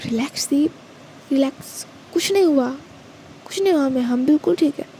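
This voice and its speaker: A woman narrator takes on Vrinda, a caring young woman in a storybook romance. She soothes and gently teases her worried sister in a high, mellow voice. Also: moderate pace, a little hiss or hum, low-quality recording. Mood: reassuring. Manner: reassuring and playful.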